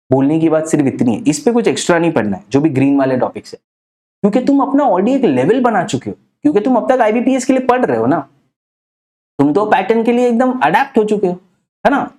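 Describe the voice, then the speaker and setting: A young male tutor walks students through an exam-prep lesson. His voice is mellow and warm, and he mixes Hindi with English. He keeps checking in with quick rhetorical questions. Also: fairly high pitch. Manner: explains in fast Hindi-English mix, asks rhetorical questions.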